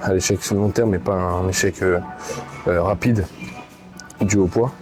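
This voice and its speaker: A man's voice: low voice, fairly even intonation, moderate pace. A man with a Swiss French accent talking casually through his workout in a gym, hesitant and full of fillers, tired late at night. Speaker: gym vlogger. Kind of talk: casual workout vlog talk. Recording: gym recording with loud background music.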